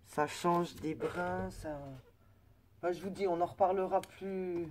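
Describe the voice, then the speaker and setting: A woman's voice: lowish voice, fairly even intonation, unhurried, a little mellow, a little hiss or hum. A woman vlogger chatting casually through a crafting haul, hesitant and full of fillers and restarts. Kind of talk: casual product haul chat.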